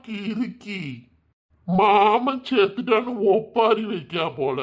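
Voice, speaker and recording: A woman's voice: medium pitch, slow pace. A woman voicing a cheeky old village grandfather in a cartoon, with a Kanyakumari Tamil accent. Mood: teasing.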